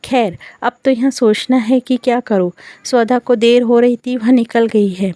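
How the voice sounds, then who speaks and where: A woman narrating a scripted family story in the first person, in a calm, measured reading style. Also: on the high side, dry recording.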